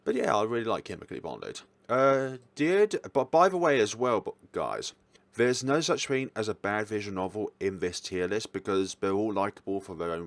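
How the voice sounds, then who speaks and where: A visual novel reviewer offers casual, rambling commentary in a lowish male voice. The recording has no echo.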